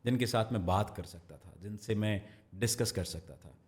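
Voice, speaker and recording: A man, a voice-over artist giving a reflective podcast interview, measured, quoting poets and slowing down for emphasis. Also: fairly low pitch, a little mellow. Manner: measured, quotes poets and sayings, slows for emphasis.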